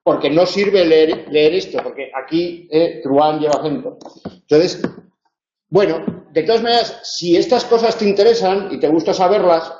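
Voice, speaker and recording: A man's voice: on the high side, moderate pace, a little mellow, slight background noise. Man lecturing in a roomy classroom. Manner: explanatory, checks in with tag questions. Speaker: university lecturer. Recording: roomy, muffled lecture recording.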